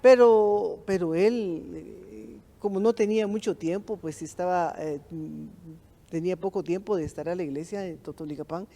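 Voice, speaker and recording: A woman's voice: lowish voice, moderate pace, creaky, mellow. A middle-aged woman with a Guatemalan accent, co-hosting a church teaching and sharing a testimony, affirming her husband often. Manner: affirming, frequent amens and agreement. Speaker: pastor's wife, co-host.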